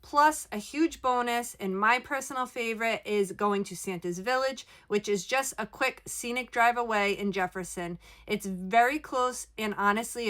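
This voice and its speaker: A woman's voice: mid-range voice, a bit bright. A woman giving casual travel recommendations, recorded inside an RV. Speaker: travel vlogger. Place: inside a parked RV.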